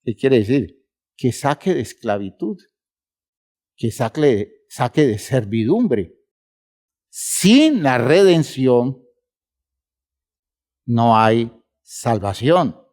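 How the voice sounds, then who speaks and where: A man preaching a sermon, emphatic and measured, speaking to the congregation as brothers and stretching words for emphasis. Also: medium pitch, very animated, a little mellow.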